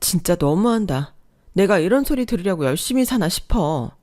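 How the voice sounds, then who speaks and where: A woman's voice: fairly low pitch, expressive, moderate pace. A woman voicing an exasperated young wife. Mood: reproachful. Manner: sharp, reproachful. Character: exasperated young mother arguing with her husband.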